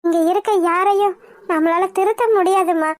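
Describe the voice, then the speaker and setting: A piercingly high voice from a performer playing a worried cartoon mother, soothing her daughter in a resigned way. It sounds close and completely dry. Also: steady tone, normal speed, no echo. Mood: consoling. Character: worried consoling mother, middle-aged.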